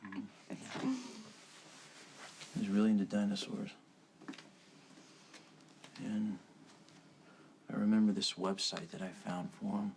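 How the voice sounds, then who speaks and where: An actor playing a gentle, wistful brother in a soap opera, speaking softly and reflectively with hesitant pauses. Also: male voice, lowish voice, little pitch movement, slight background noise. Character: gentle, wistful older brother recalling a lost child. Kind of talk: soap opera dramatic acting. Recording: music under the dialogue.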